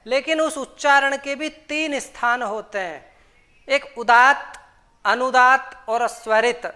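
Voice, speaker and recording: A woman with a slightly high, bright, forceful voice teaches a Sanskrit grammar lesson. She explains terms patiently, repeats each rule and sutra, and poses questions only to answer them herself.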